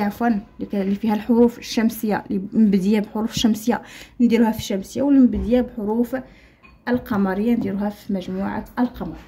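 A Moroccan woman teaches young pupils, pronouncing each letter sound slowly and deliberately. Her voice sits at a middle pitch, and she moves between formal Arabic and Moroccan dialect as she explains the lesson. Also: mellow, husky. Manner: slow, deliberate spelling out of sounds, mixing standard and Moroccan Arabic. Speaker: primary school Arabic teacher. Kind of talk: explaining a textbook lesson to children.

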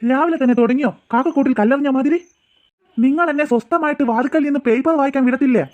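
A man's voice: very high voice, no echo, highs cut off. A man voicing an easygoing cartoon father who coaxes and teases his two daughters and his wife. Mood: teasing. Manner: jokey, coaxing, quick talk.

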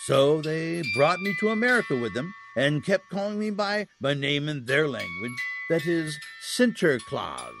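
An actor playing a kindly old Santa who is truly a saint, gently explaining like a storyteller in a family audio drama. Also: male voice, on the high side, very animated, a little slow, vocal fry, hardly any pauses, music in the background, exaggerated voice.

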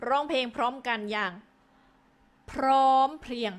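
A young woman streaming a game, chatting casually with viewers and reading their messages in a playful, teasing way. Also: fairly high pitch. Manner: playful and teasing, laughing often; excitable, repeating words quickly.

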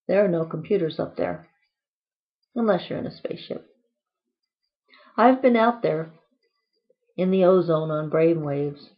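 A woman reads from her own book with a playful, whimsical lilt and plenty of quirky asides. Her voice sits on the low side for a woman. The recording is dull and lo-fi.

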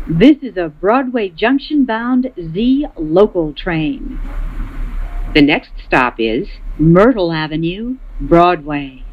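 A woman giving measured, prerecorded announcements over a train's loudspeaker after a chime, inside a subway car. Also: lowish voice. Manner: slow, measured, evenly spaced phrasing. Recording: muffled loudspeaker heard from a distance.

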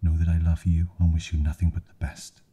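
A man's voice: a bass voice, completely flat delivery, fairly quick, mellow, slightly rough, full character voice. A man voicing a dying old farmer speaking to his daughter in a faint whisper, in ASMR storytelling. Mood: tender. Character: dying old farmer father, loving and frail.

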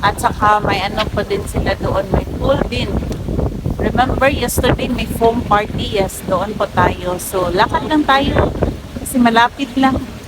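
A woman's voice: fairly high pitch, a little slow. A woman with a Filipino accent chatting casually for an outdoor travel vlog, switching between languages, with wind on the mic. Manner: chatty, giggly, code-switching. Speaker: vlogger. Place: windy outdoor beach resort.

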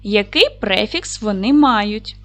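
A woman teaching an online lesson to young children, speaking clearly and stretching out words as she spells them. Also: mid-range voice, animated, slow, a bit bright. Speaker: primary school teacher.

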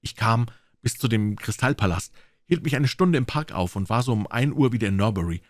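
A man reads a classic detective story aloud as an audiobook, telling it dramatically in the first person on a close mic with no echo. His mid-range voice is animated and his pace brisk.

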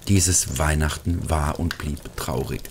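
A middle-aged man reading a Christmas storybook aloud, gentle and hushed at times, with lively swings into character voices. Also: slow, gravelly, background noise. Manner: gentle, hushed, drops to a whisper in places; lively character voices rising high for quotes. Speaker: narrator. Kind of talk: scripted storybook narration.

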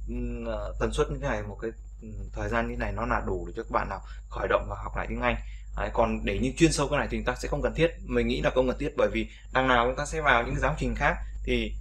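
A man's voice: mid-range voice, fairly bright tone. A Vietnamese-speaking man teaching English vowel sounds in a casual video lesson, repeating each sound and chatting with viewers.

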